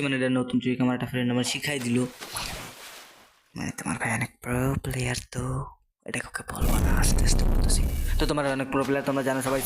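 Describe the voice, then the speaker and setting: A man's voice: medium pitch, a little hiss or hum. A young man with a Bangladeshi Bengali accent, rambling casually through gameplay commentary and slipping in English phrases. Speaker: gaming YouTuber.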